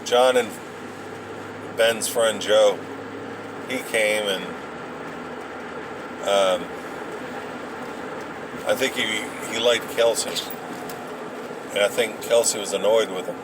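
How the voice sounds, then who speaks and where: A man casually rambling through old memories, halting and hesitant as he searches for details. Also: fairly low pitch, fairly even intonation. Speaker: vlogger recounting memories. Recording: noisy, with vehicle and ambient sound.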